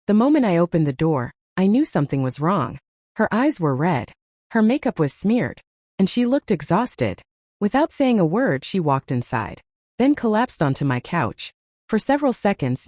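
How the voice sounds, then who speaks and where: Woman narrator for a confession-style story, low warm voice, very expressive melody, dramatic pauses. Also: no room sound, clean studio sound. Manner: dramatic, with slow emphatic pauses. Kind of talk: scripted first-person story narration.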